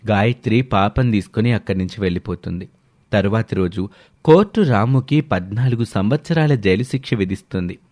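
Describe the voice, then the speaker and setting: A man narrating a scripted story in a steady, matter-of-fact way. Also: on the low side, brisk, dry recording, clean studio sound.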